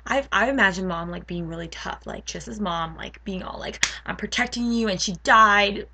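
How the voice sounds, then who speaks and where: Teen girl fangirling over a book, rambly, tons of likes, squeaky high bursts. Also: background noise. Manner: gushing, rapid, many filler "likes", squeals into high pitch. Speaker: book vlogger. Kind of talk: casual excited book review.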